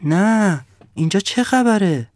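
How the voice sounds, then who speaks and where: A man's voice: sits high, a little mellow, no echo, studio quality, voice pushed up, lightly acted. A man voicing the sun, calling out amazed. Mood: astonished. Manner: exclaiming in surprise, pleading. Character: the sun, bright and warm-hearted, later saddened.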